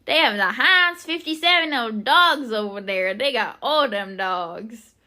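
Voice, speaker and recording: A woman voicing a loud Southern lady with a Southern US accent who gushes about dogs in a slow, drawn-out delivery. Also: a little high, lively intonation. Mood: delighted. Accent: Southern US (put on).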